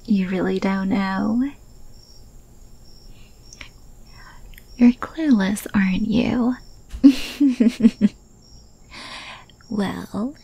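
A woman in an ASMR role-play, playing an obsessively lovestruck thief who teases and coaxes her captive in a breathy, possessive soft voice. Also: medium pitch, exaggerated voice. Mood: teasing, smitten. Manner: slow, breathy, coaxing soft voice with pet names. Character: infamous female thief, obsessively lovestruck, teasing and possessive kidnapper.

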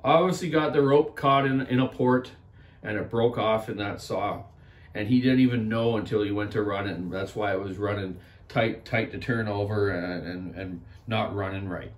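A man in his forties running a casual workshop vlog about chainsaw repair, rambling in a folksy way and calling viewers "man". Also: medium pitch. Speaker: chainsaw repair shop owner. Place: small indoor repair workshop. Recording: echoey workshop room.

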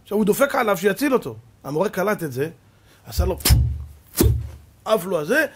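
A man, a rabbi giving a lively sermon full of stories, swinging from soft talk to shouting. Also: high voice, background noise. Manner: animated storyteller who swings from soft to shouting.

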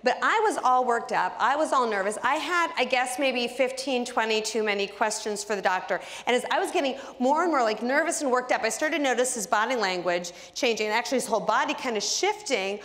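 Woman Bible teacher, fairly high voice, expressive storyteller, long hall reverb. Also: a little fast, hardly any pauses. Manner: animated, expressive storyteller acting out dialogue. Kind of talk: personal storytelling in a Bible lesson.

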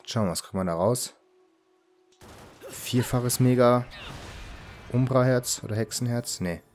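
A man casually commenting on his gameplay as a let's play host, relaxed and often muttering asides to himself. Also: medium pitch, unhurried, slight background noise.

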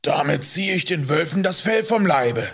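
A man reading an audiobook, voicing a gruff, scornful grown hunter who talks in a harsh, mocking way. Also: fairly high pitch, animated, moderate pace, a bit bright, voice pushed up, exaggerated voice. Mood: angry. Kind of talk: audiobook character voice.

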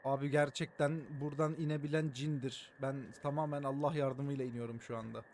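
A man's voice: mid-range voice, steady tone, a little fast, darkish tone, a little hiss or hum. A man streaming a game live, joking around, swearing often and thanking his viewers by name. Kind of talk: live gameplay commentary.

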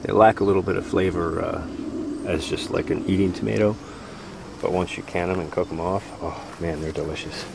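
Speaking briskly in a low voice with vocal fry and fairly even intonation, a man leads a relaxed walking tour of his vegetable farm. He meanders and says "uh" often, while the handheld camera audio captures crickets and other insects outdoors.

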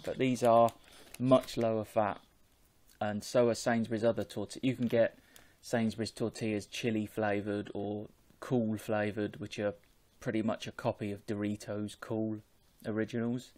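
A man, talking in a measured, explanatory way as a vlogger chatting casually on an earphone microphone at home. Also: fairly low pitch, a little mellow. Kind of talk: casual chat to camera. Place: small home room with bookshelves.

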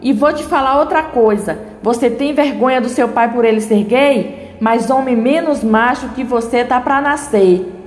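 A woman's voice: on the high side, normal speed, natural voice. A woman reading the lines of a furious, proud young bride left at the altar, with mild emphasis. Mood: indignant. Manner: read-out dialogue with mild emphasis. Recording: echoey room, long reverb, faint music.

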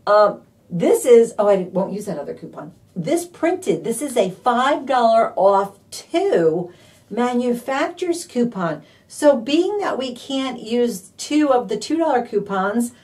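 A woman hosting a live-streamed couponing deals rundown, bubbly and excitable, with lots of fillers. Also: fairly high pitch, measured pace, recorded from a distance. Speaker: couponing show host.

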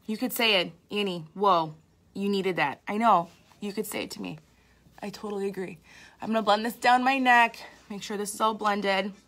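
A woman's voice: medium pitch, fairly even intonation, fairly quick, fairly bright tone. A young woman makeup artist giving a casual live tutorial, chatty and candid, with a tired, sleepy voice. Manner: chatty, candid, self-deprecating, lots of fillers.

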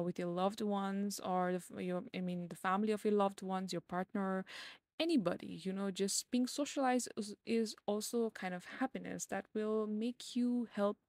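On a laid-back solo podcast, a twenty-something woman with a lowish voice rambles along, leaning heavily on fillers. The further she gets, the livelier, brighter, and louder she becomes. The recording sounds dry.

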